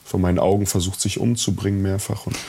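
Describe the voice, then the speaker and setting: Middle-aged male actor as interview guest, low husky voice, personal and halting. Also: flat delivery, warm tone. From East Germany. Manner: candid, personal, many fillers and restarts. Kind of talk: reflective interview conversation.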